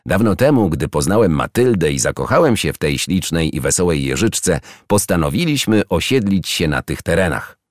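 A man's voice: deep voice, sing-song, moderate pace, hardly any pauses, no room sound, clean studio sound. A man voicing a kindly old hedgehog uncle. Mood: fond. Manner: gentle, reassuring.

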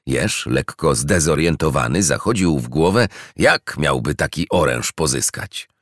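A man narrating a children's storybook in an expressive, gentle storytelling manner. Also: a bass voice, a little slow, no room sound, clean studio sound.

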